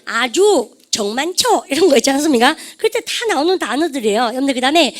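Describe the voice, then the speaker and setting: A woman teaching English vocabulary to a class, lively and chatty, often calling out to her students and drilling English words aloud. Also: sits high, quick pace. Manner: lively, repeats "여러분들", asks the class questions; refers to herself as "쌤". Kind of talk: lecture to a class.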